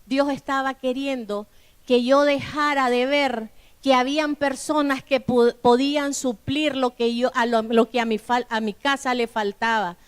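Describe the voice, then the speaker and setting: A woman's voice: high voice, little pitch movement, a little slow, clear, resonant tone. A middle-aged woman pastor, telling a testimony in a sermon and acting out the dialogue of the people in it. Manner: storytelling with acted-out dialogue.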